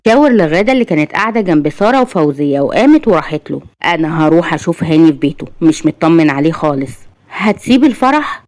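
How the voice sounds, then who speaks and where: A woman with an Egyptian accent narrating a story in a brisk, even tone. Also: fairly low pitch, no echo. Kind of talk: scripted narration.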